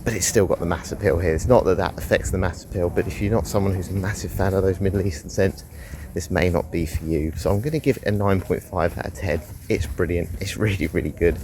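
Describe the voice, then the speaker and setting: This man speaks fast in a low, darkish-toned voice, with a little background noise around him. A fragrance reviewer suffering from a head cold, he chats and rambles through a review during a walk outside, sighing occasionally.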